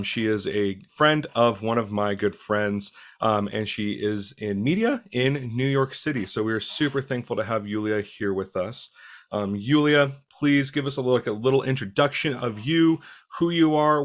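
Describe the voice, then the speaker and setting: A man hosting a podcast, chatting in a loose, rambling way with casual swearing. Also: mid-range voice. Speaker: podcast host.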